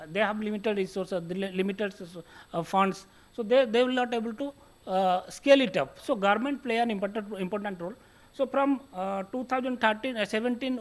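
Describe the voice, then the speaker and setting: A man with an Indian accent answering on a panel in halting, list-like speech with non-standard grammar. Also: high-pitched. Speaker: panelist from industry.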